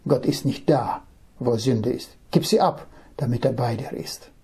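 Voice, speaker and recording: A man preaching a Bible-teaching sermon, reading scripture verses slowly and then explaining them, earnestly speaking straight to the listener. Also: medium pitch, mellow, breathy edge. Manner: earnest, addresses listener directly with "ja?".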